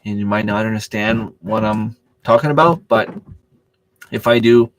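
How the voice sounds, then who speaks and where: Hosting a relaxed live stream, a native French speaker responds to viewer comments as they come in, hesitating, restarting sentences and filling gaps while he hunts for words. He speaks at normal speed in a fairly low voice, with no room sound.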